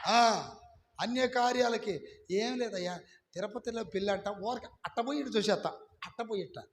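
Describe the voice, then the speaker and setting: A man preaching a sermon as pastor, calling on the congregation to repeat his words back loudly. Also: high-pitched, brisk. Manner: preaching with call-and-response, urging the congregation to repeat. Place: church hall. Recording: echoey hall, some of it from far off.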